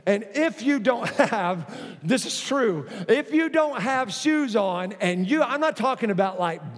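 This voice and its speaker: A man preaching a sermon as pastor, emphatic and repetitive, with humorous asides. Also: high voice. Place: church auditorium. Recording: long reverb of a large hall.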